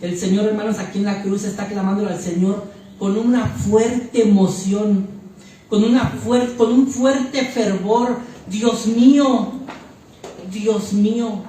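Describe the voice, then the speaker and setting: A man's voice: high voice, fairly even intonation, a little slow, warm tone, slight background noise. A man preaching a fervent sermon as pastor, repeating phrases for emphasis and addressing the congregation. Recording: echoey church hall, mic far off.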